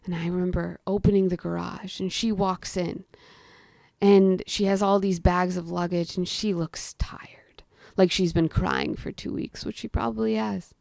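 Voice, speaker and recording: A young woman shares a personal story aloud, her voice edged with a gravelly fry. She talks in a loose, conversational way, and the sound is dry and close with no room behind it. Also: lowish voice, fairly even intonation, a little slow, darkish tone, dry recording. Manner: conversational, with frequent "I mean" and "like". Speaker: guest storyteller. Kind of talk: personal storytelling in present tense.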